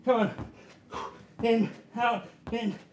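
A man's voice: very high voice, level tone, slow. Guy doing workout instruction, puffed out, short motivational cues, roomy echo and some background noise. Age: 30s. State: out of breath from exercise. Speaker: fitness coach. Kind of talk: workout instruction while exercising. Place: indoor gym studio with hard floor. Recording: echoey room, audible background noise.

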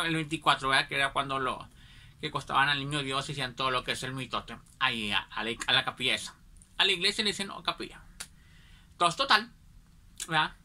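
Lady rambling thru a childhood story, super bright sharp voice, chatty. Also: low-pitched. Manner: chatty, rambling, keeps asking ¿verdad?. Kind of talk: casual anecdote telling.

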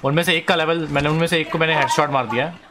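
A man talks at a breakneck clip, barking orders to his squad mid-match. His voice sits a little high. Game sounds and chatter hiss steadily under him. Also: fairly even intonation. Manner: quick, bossy squad calls. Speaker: mobile game streamer. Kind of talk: live game voice chat. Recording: game sounds and chat noise.

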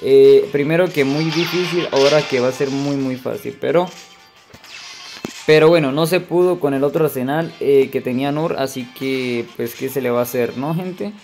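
Mexican male gaming host, chatty and excitable, talks straight to viewers over soft game music. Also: mid-range voice, normal speed. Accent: Mexican Spanish. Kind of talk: mobile gameplay commentary.

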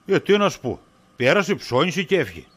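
A man's voice: a little high, very animated, a bit bright, husky, exaggerated voice. A man playing a middle-aged friend in a comedy sketch, teasing in a joking way and cagey when questioned. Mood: evasive.

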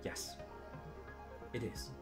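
An author voicing a weary, guarded woman executive in an audiobook, in a low, subdued manner. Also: extremely slow, loud music behind the voice. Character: weary woman CEO resigning. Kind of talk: audiobook character reading.

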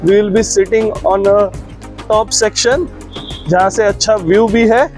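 A man's voice: high voice, steady tone, drawn-out words, music in the background. A middle-aged Indian man hosting a casual food vlog, talking with enthusiasm on a lapel mic at an open-air restaurant. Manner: enthusiastic, mixes Hindi and English. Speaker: food vlogger host.

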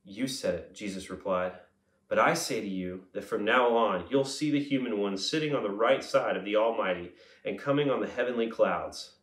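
A man's voice: lowish voice, moderate pace. Man reading scripture in an echoey church. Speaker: scripture reader. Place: church sanctuary.

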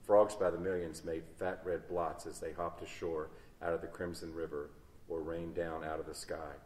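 Deep-voiced man reading a story in a church. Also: level tone, normal speed. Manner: dramatic, varying loudness. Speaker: story reader. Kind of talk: expressive read-aloud storytelling. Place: large church. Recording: echoey church hall, distant mic.

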